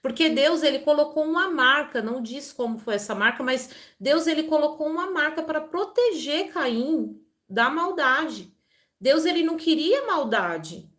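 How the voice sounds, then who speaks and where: A woman's voice: high voice, lively intonation, moderate pace, a bit bright. A woman who hosts her own channel. She reads scripture aloud and breaks off to explain it in a conversational way, using everyday examples and frequent tag questions. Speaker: Bible reader and channel host. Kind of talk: scripture reading with informal commentary.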